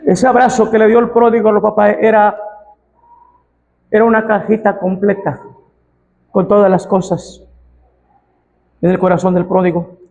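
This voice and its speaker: A man with a Mexican Spanish accent preaches a fervent sermon, often raising his voice to a shout. His voice sits very high for a man and has a gravelly edge. The sound carries the long reverb of a church hall. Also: little pitch movement, moderate pace, pauses often, lo-fi sound. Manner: impassioned preaching, shouting out quoted pleas. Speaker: pastor.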